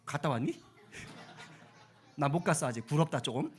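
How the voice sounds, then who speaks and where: A man's voice: fairly high pitch, expressive, a little slow, husky. A man preaching a children's sermon as pastor. He talks playfully, asking the children questions and teasing them.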